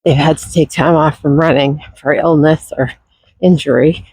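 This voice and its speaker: A man talking casually and reflectively while out running, his voice breathy and still husky from a recent illness, with sighs and pauses. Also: on the high side, steady tone, darkish tone, no room sound, poor audio. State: voice not fully recovered from illness, husky. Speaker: running vlogger. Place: outdoors on a trail.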